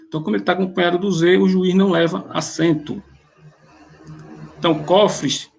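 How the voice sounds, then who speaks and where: A man teaches rules through exam questions, working methodically and restarting phrases as he goes. His voice sits high and has a gravelly, husky edge. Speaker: grammar teacher.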